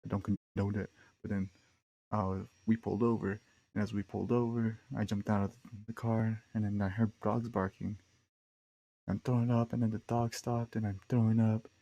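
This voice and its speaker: Laid-back young man with a gravelly low voice. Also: level tone, moderate pace, warm tone, dull audio. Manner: rambling, slangy, laid-back with frequent fillers. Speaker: podcast host. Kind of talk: casual storytelling monologue.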